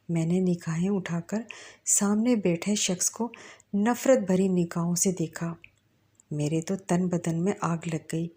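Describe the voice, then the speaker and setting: A woman's voice: lowish voice, warm tone. A young adult woman narrating an emotional first-person story.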